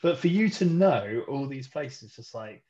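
A man's voice: mid-range voice, animated, unhurried, over a noisy crowd. A man hosting a podcast, laid-back and sweary, laughing often. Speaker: podcast host. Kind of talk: casual chat. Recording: dull lo-fi audio.

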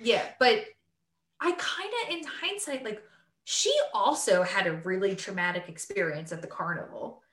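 Late-20s woman chatting on a podcast, bright tense voice, echoey room. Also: mid-range voice, animated, normal speed. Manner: chatty, laughing, lots of fillers. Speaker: podcast co-host. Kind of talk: casual chat.

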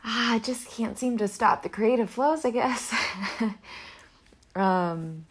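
A sleepy woman reading her own short story aloud in a soft, unhurried way. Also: a little high, steady tone, slightly rough.

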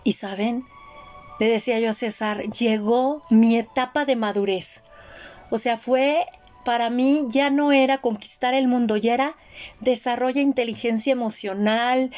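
A woman in her forties with a fairly high voice, speaking in an earnest, motivational way and turning to her listeners often. The recording is dull and lo-fi. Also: a little mellow. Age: 40s. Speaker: co-host. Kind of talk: reflective conversational talk. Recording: dull lo-fi sound.

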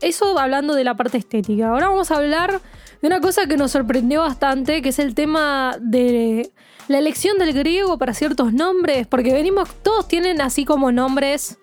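A woman's voice: sits high, expressive, moderate pace, faint music behind. A woman co-hosting a podcast, casually explaining a film and often tagging her points with a questioning "no?". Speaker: podcast co-host.

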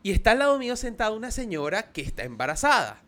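A man in his thirties with a Venezuelan Spanish accent, co-hosting a casual podcast and telling stories in an animated way, laughing often. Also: high-pitched, quick pace. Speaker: podcast co-host. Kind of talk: casual chat.

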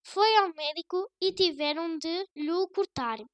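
A woman's voice: very high-pitched, a little slow, no echo. A woman with a European Portuguese accent voicing a shrewd, unflustered old grandmother in a storybook tale. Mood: sly calm.

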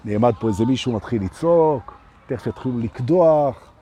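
A man giving a live spiritual talk to an audience, asking rhetorical questions and swinging between loud and soft. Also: mid-range voice, animated, breathy edge. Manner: rhetorical, keeps asking "right?". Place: outdoors with street noise.

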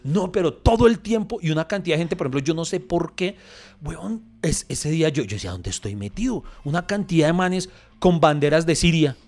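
A young man telling a story in a casual podcast chat, animated, laughing often. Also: a little high, fairly quick. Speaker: podcast co-host.

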